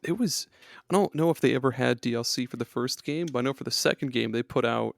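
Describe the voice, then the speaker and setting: A podcast guest with a gravelly, fry-tinged, medium-pitched voice talks fast about gaming memories in a casual chat, rambling, swearing a lot, and using many fillers. He's close to the mic in a dry, dead room with no echo.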